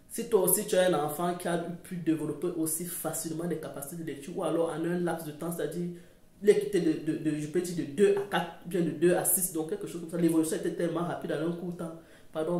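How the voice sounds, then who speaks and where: A woman's voice: lowish voice, mellow. A woman talking casually to camera about parenting, chatty and rambling, often correcting herself. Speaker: parenting vlogger. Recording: roomy echo.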